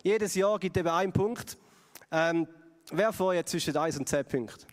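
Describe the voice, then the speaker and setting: Brief: Swiss German male preacher, slightly high voice, chatty sermon delivery, long church-hall reverb. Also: normal speed. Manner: conversational, asks the audience questions.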